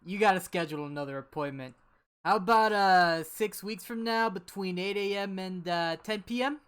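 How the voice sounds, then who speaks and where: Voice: mid-range voice, normal speed, a bit bright, clear, resonant tone, natural voice. Someone playing a brusque cable repairman. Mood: offhand. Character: blunt cable company repairman.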